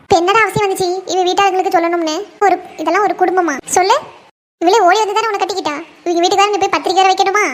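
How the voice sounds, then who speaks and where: A piercingly high, shrill cartoon mother-in-law, voiced by a woman, who nags and scoffs at her son's wife. She rattles off her scolding at a breakneck clip. Her scorn rarely lets up. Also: fairly even intonation. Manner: scornful, nagging, rapid scolding. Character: sharp-tongued scolding village mother-in-law. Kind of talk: cartoon voice acting.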